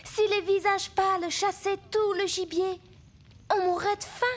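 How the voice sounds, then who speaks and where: High-voiced young princess Pocahontas. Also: female voice, fairly even intonation, measured pace. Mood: worried, questioning. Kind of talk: French animated film dubbing. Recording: music behind the voice.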